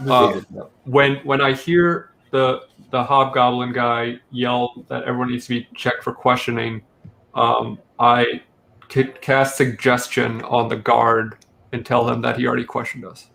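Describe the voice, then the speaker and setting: A man with a gravelly, creaky voice and flat intonation. He talks casually as a player in a tabletop game, at a middling pitch. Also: a little slow, a little hiss or hum, rough recording.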